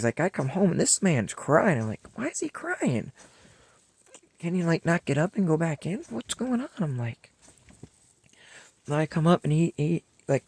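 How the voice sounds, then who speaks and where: A man's voice: mid-range voice, vocal fry, darkish tone, dry recording. A young man vlogging, telling a personal story in a rambling, heartfelt way. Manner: rambling, heartfelt, acts out past dialogue.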